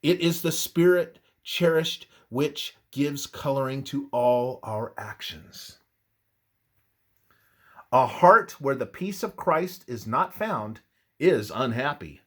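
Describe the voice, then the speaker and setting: With a husky, mid-range voice that's a touch bright, a man narrates scripted religious text in a solemn, preacherly manner. His delivery is animated yet slow and measured, and his pitch swings widely.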